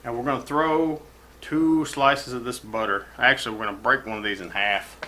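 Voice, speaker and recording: A man's voice: medium pitch, steady tone, moderate pace, bright, forceful tone, roomy sound, a little hiss or hum, low-quality recording. A man hosting a casual home cooking show, talking in a rambling, profane, folksy way from his kitchen.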